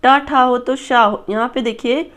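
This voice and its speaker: A woman's voice: a little high, fairly even intonation, measured pace, a bit bright. A woman teaching a grammar lesson for exam preparation, patiently explaining rules step by step and pointing things out on a board.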